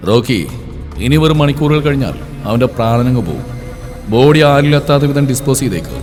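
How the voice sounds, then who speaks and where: A man voicing a cold, vengeful young man who speaks low and measured, in a storybook reading. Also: expressive, lightly acted. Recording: long reverb, soft music behind.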